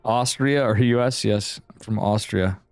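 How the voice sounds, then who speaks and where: This upstate New York stream host and esports caster speaks with an American accent, rambling casually to viewers while commentating a game. His voice sits on the low side, a little slow and mellow, with a clean tone and no echo.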